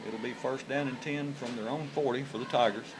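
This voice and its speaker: A man calls a local football game in an informal, folksy style. His voice is medium in pitch and conversational. Clear stadium noise sits behind the live commentary. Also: fairly even intonation, fairly quick. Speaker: play-by-play announcer for high school football.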